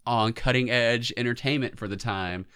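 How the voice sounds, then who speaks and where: A man's voice: mid-range voice, normal speed, a bit bright, smooth. A man in his forties co-hosting a podcast, chatting casually about pop culture. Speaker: podcast co-host.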